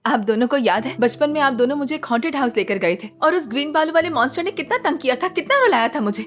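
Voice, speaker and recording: A woman's voice: sits high, quick pace. A woman dubbing a drama, playing a stubborn, playful young daughter who coaxes and insists. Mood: cheerful. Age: young adult. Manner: insistent, coaxing, lively. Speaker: daughter about to graduate. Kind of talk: dubbed drama acting.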